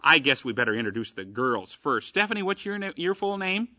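Man, bright voice, animated intonation, chipper vintage-ad delivery, avuncular children's radio host, folksy. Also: fairly high pitch, a little fast, no echo. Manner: avuncular, addresses children as fellas and gals.

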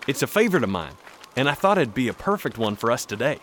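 A man's voice: medium pitch, sing-song, fast, slight background noise, close to an everyday voice. A man playing a folksy mountain man storyteller. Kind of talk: narration in audio drama.

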